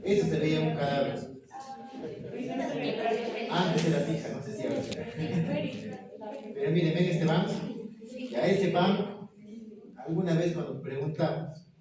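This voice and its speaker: A man lectures on anatomy to a room of students, constantly asking questions and approving their replies. His voice sits a little high and sounds distant from the microphone. The room is very echoey, with students murmuring behind him. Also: over a noisy crowd. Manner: asks quick questions and confirms answers with "correcto, muy bien". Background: students murmuring answers.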